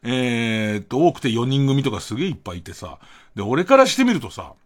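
Husky, animated middle-aged radio man. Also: mid-range voice, brisk. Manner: rambling, self-mocking, chuckling asides. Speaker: radio host. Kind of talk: late-night radio monologue.

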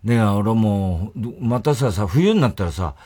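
A man's voice: on the low side, animated, a little slow, dark tone. A man in his fifties hosting a radio show, telling stories in casual chat, rambling and correcting himself as he laughs along. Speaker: radio host.

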